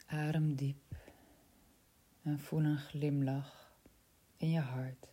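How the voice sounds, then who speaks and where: A woman leading a spiritual guided meditation in a soft, slow voice that often drops to a whisper. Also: deep voice, little pitch movement, husky.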